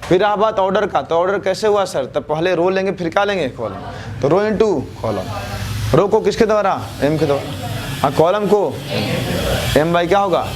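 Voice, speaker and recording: A man teaching a math class, who keeps asking questions and answering them himself, his answers dropping low and soft. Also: moderate pace, slight background noise. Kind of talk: classroom lecture with call-and-response questions.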